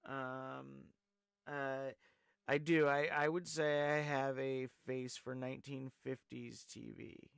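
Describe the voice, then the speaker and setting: A man hosts a call-in live stream in a loose, rambling way, packed with fillers, reading viewer comments out loud. His medium-pitched voice is gravelly yet clean, delivered flatly and slowly. The sound is dry and clean, studio style.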